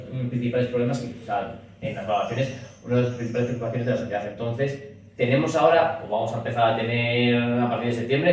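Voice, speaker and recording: At a party office meeting room, a man gives a public talk and Q&A, speaking rapidly in a mid-range, slightly mellow voice. He restarts often and frequently says "es decir." The recording has roomy echo, a distant mic and faint hiss.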